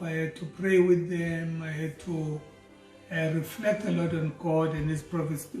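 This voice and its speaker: Middle-aged South African man, high, earnest and measured, personal introduction, roomy off-mic sound. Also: a little mellow. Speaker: doctor and theology student. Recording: roomy, mic at a distance, faint music.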